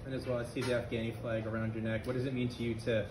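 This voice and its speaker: A man interviewing a fighter after a bout, asking quick, chatty questions. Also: mid-range voice, level tone, noisy background. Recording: echoey venue with loud ambience.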